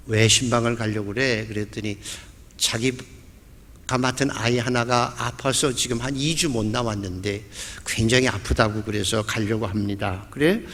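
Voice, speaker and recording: A man's voice: mid-range voice, a bit bright. A male pastor preaching a sermon, telling a story vividly and acting out the quoted lines. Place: church sanctuary. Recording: long church hall reverb.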